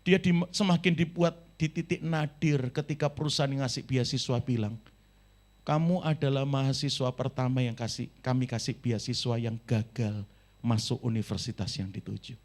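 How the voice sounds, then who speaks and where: A male pastor preaches in with a tinge and a gravelly edge to his voice. He tells his story with animation, shifting from loud to soft and putting on the voices of its characters. It is sermon storytelling at a church service. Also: mid-range voice, fairly even intonation, normal speed.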